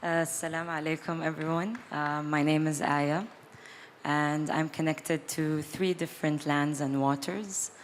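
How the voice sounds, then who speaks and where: A woman's voice: low-pitched, steady tone, unhurried. A young woman from Egypt and Palestine sharing a personal story as a panelist, reflective and hesitant with many ums. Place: large hall at an event. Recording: reverberant hall, faint noise.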